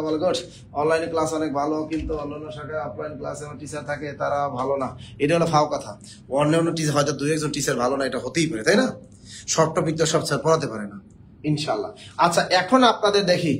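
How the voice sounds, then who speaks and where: Guy teaching an online class, high-ish voice, keeps repeating the rule and quizzing, bit of hiss behind. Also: fairly bright tone. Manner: drills students, repeats words, asks and answers himself. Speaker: Bangla teacher. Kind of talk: online exam-prep class.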